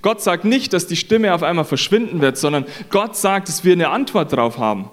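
A man's voice: high-pitched, expressive, moderate pace. A man preaching a sermon in an earnest, conversational way, repeating phrases for emphasis.

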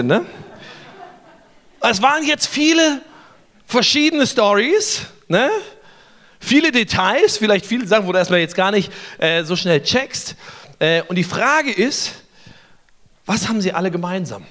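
Playful, high-pitched man preaching a lively story sermon to a live crowd. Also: moderate pace, pauses often. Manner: playful, joking, directs audience participation. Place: before a live congregation.

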